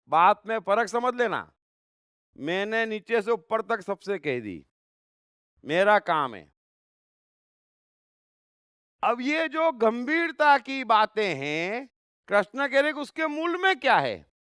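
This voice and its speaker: A man's voice: extremely high pitch, fairly bright tone, clean tone, no room sound, clean studio sound. A man giving a spiritual discourse on scripture, speaking emphatically, with rhetorical questions and repeated phrases.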